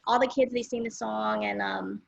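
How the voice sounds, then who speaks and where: A young singer-songwriter from South Central Los Angeles chats casually as an interview guest, her fairly high voice heavily creaky with vocal fry. She talks at a moderate pace in a relaxed, rambling way, scattering lots of "um" and "like." The recording is dry and close, with no sense of room.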